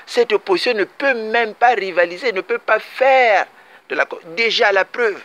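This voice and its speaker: A man's voice: high voice, normal speed, a bit bright. A man from Congo-Brazzaville giving an emphatic political commentary monologue, repeating his points and addressing his compatriots directly.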